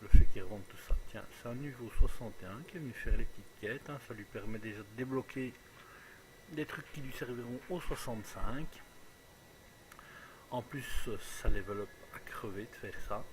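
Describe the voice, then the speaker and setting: A man's voice: medium pitch, moderate pace. A man giving casual, jokey let's play commentary, musing aloud as he plays. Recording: clearly noisy home recording.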